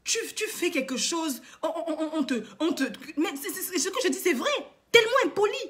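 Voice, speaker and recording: Brief: woman vlogger with a high voice, indignant, lectures her viewers through repeated rhetorical questions. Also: brisk. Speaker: online coach and vlogger. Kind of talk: impassioned moralizing monologue to viewers.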